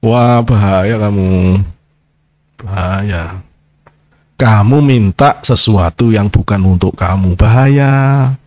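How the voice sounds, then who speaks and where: A man giving an informal sermon as a kiai, scolding and mocking his listeners, sliding from low murmurs into sharp high outbursts. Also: takes it slowly, dry recording. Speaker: kiai, Islamic preacher.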